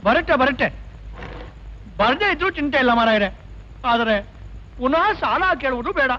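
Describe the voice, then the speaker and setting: An actor playing a fussy, sarcastic hotel owner who mutters asides to himself, in old film dialogue. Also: male voice, extremely high pitch, lively intonation, moderate pace. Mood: grumbling. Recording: dull old film soundtrack with music.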